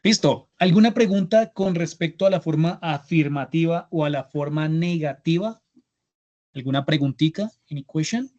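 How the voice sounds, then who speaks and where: Colombian male teacher, slightly high voice, patient, dull lo-fi video call. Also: darkish tone. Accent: Colombian Spanish. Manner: patient, repeats words, slow model phrases. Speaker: English instructor. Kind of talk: online class teaching. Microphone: computer mic on a video call.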